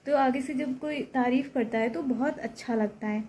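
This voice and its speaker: A woman's voice: high-pitched, normal speed, darkish tone, a little hiss or hum, rough recording. A woman vlogger, giving her opinion in a casual, emphatic and indignant way, repeating her points. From Uttar Pradesh, India.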